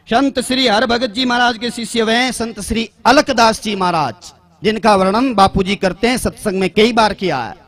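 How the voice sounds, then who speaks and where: A man addressing a religious gathering in a formal public talk, reading out a long list of names in slow, repeated phrasing. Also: high voice, a bit bright.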